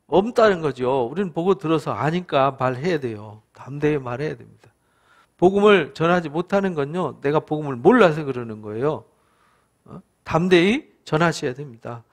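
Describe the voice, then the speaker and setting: High-voiced Korean pastor teaching scripture. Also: male voice. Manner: conversational, asks the listeners for agreement, acts out quoted speakers. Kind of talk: Bible study lecture.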